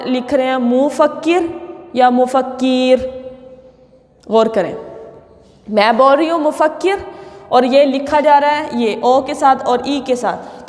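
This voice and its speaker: A woman teacher with a Pakistani Urdu accent gives a spelling lesson to young pupils, stating each word carefully and saying it again and again. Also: sits high. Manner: deliberate, repeats and stretches each word for pupils. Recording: echoey room reverb.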